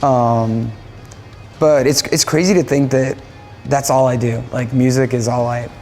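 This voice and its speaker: A man's voice: mid-range voice, fairly even intonation, a little slow, warm tone, faint music behind. A man from Japan, a band musician, talking casually in an interview in a rambling way, often repeating phrases and restarting.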